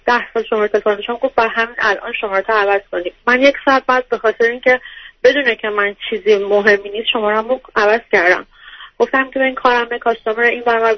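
A woman with a fairly high voice calls in to an advice show for counseling and explains at length, hesitating and stammering. The audio is dull, lo-fi phone-line sound with no echo.

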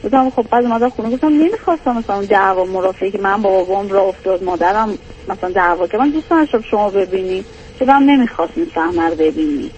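A woman's voice: medium pitch, a little mellow, dull audio, slight background noise. A woman calling an advice show, rambling hesitantly about a family problem. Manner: hesitant, rambling, fills with "for example". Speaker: caller. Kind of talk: phone-in conversation.

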